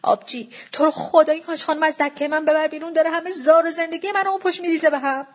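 A woman's voice: high-pitched, lightly acted. A woman voicing a groggy young male kiosk seller who begs to be let off. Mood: pleading. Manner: sluggish, pleading. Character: drowsy pleading young man, kiosk seller.

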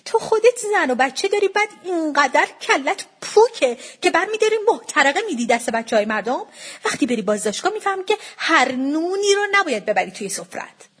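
A woman voicing a loud, stubborn middle-aged mother who scolds and shouts. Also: a little high, sing-song, slightly rough, full character voice. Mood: scolding.

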